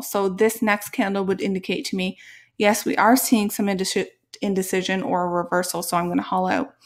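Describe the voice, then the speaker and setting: A woman hosting a casual trading tutorial with a slightly congested, sore-throat voice, often checking in with okay and right. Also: medium pitch. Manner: frequent check-in tags like okay, all right, right. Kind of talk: casual tutorial explanation over live charts.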